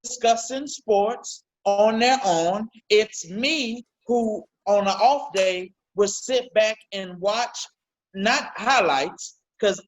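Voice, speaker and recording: A man co-hosting a sports podcast, talking casually and emphatically and repeating words when he gets excited. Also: sits high, takes it slowly, low-quality recording. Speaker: podcast co-host. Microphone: video call.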